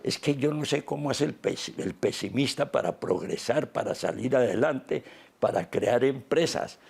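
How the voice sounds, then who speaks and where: Gravelly elderly man. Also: mid-range voice, lively intonation, a little mellow. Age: 80s. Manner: unhurried, pausing often with "eh". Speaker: interview guest, business founder. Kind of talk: reflective interview talk.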